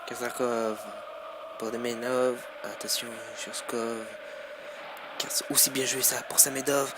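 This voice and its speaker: A man giving excited live football commentary, bursting into shouts at the big moments. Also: mid-range voice, slow. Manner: bursts into shouts at goals and chances. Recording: loud background noise throughout.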